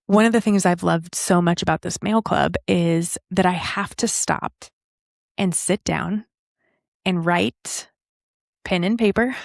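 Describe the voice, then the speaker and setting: A woman hosting a podcast and speaking in an earnest, reflective way. She slows down to stress key lines. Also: mid-range voice, vocal fry, no room sound, studio quality. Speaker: podcast host.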